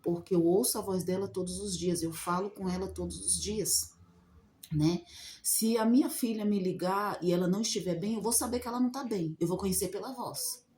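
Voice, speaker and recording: Mellow-voiced woman teaching the Bible. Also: mid-range voice, a little fast, slight background noise. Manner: conversational, asks rhetorical questions, frequent "né?". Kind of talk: informal Bible teaching video. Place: outdoors in the sun.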